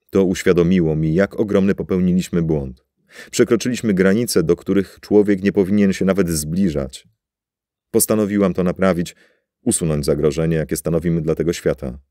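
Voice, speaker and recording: A cold, unrepentant woman scientist, read by a man in a deep, dark voice. She speaks in a composed, measured way, as in a storybook recording with a dry sound. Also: no echo, natural voice.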